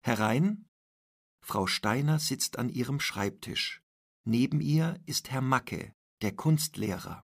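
A man reads a short story aloud slowly and deliberately for language learners. His voice is gravelly and somewhat husky, with a lively, varied pitch. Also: no echo, studio quality. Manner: clear, deliberate reading. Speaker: reader. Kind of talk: slow storybook narration for learners.

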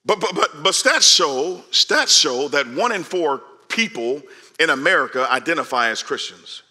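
Preaching a sermon on a large church stage, a forty-something pastor speaks at a normal speed in a slightly high voice. He keeps things animated and conversational, alternating loud calls with quiet asides.

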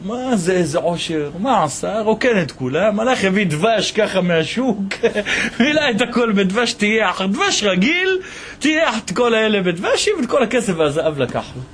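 High-voiced rabbi telling a lively story. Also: male voice, a little hiss or hum. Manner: animated storytelling, voicing the people in the tale. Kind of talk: Torah lesson storytelling.

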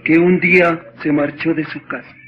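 A man with an Ecuadorian accent telling jokes on the radio with playful storytelling and deadpan punchlines. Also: fairly high pitch, normal speed, very noisy. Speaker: radio joke teller. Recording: lo-fi old radio recording.

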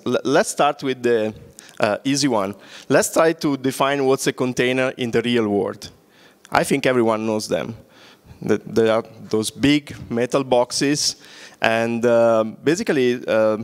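An older man with an Italian accent and a clear, resonant mid-range voice gives a conference talk in a large hall. Holding a handheld mic, he jokes and quizzes the audience with questions.

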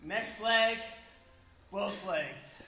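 Male workout leader, thirties, barking gym-coach delivery, very sharp voice, echoey gym. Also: sits high, extremely slow, vocal fry. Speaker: fitness coach leading a workout. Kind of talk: group workout instruction. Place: large indoor gym. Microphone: camera across the room. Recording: roomy echoing gym sound.

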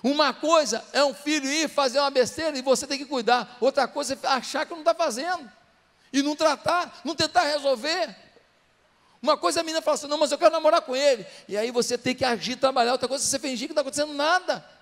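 A pastor preaches to his church in a strikingly high voice, pressing the congregation with rhetorical questions. His words ring out with a long, echoing reverb of a large church hall. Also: quick pace, a bit bright. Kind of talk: sermon.

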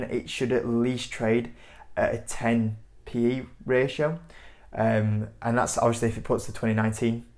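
A man in his twenties who runs an investing channel gives casual stock commentary to camera indoors, standing before a whiteboard. He rambles, says "you know" a lot, and gestures while talking, his voice at a medium pitch.

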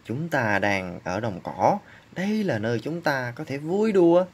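Storybook mother kangaroo, played by a woman: caring, coaxing, husky, animated, read for toddlers. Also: very deep voice, measured pace, full character voice.

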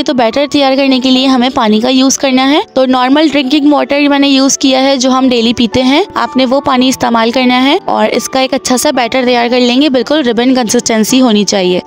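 A woman hosting a cooking channel, giving steady step-by-step instructions in a recipe voice-over. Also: high voice. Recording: faint background music.

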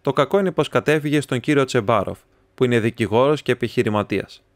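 A man reading the part of a talkative, excitable young male student who rambles, chats and teases his friend. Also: medium pitch, no echo, studio quality, natural voice. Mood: chatty. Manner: rambling, chatty, teasing.

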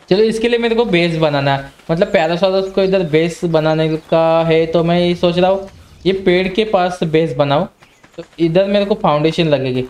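A young man hosting a gaming channel, giving casual gameplay commentary and breaking into panicked yelps when attacked. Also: high-pitched. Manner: excited, yelps in sudden panic.

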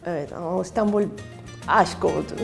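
A woman with a foreign accent speaks broken learner's Turkish in a personal interview, halting as she searches for words. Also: on the low side, creaky, over music. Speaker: artist and craft student.

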